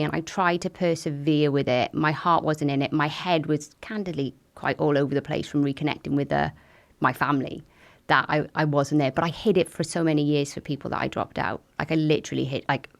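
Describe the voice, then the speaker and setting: A middle-aged woman, a guest telling her story candidly, frank and lively with lots of fillers. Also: sits low, vocal fry. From Wales.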